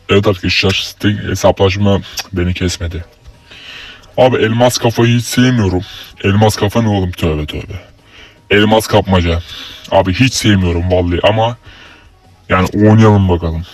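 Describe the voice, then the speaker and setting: A young man with a Turkish accent talks through his gameplay in a fairly low voice, swearing freely. He breaks into loud, high yells when opponents hit him. Faint game music plays underneath. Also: dry recording. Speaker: gaming YouTuber. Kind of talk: live gameplay commentary.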